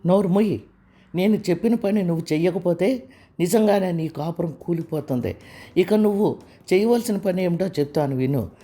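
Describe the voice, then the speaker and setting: Cruel blackmailer, menacing and bossy, high mellow tone, man reading him. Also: normal speed, natural voice. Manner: menacing, commanding. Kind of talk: audiobook character reading.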